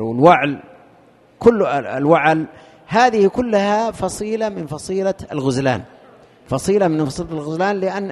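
A man gives a lesson, explaining a legal text in a somewhat high, gravelly voice. He stops often and repeats words while he hunts for the right term. The sound has a long reverb, like a large hall. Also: a little mellow. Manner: halting, repeats words while searching for terms. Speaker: teacher explaining a fiqh text. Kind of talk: lesson commentary.

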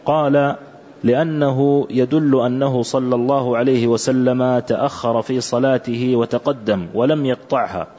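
Man, formal classical reading, measured recitation, mellow dark voice, dull lo-fi recording. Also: medium pitch. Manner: measured, careful recitation of quoted texts. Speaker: student reading the text aloud.

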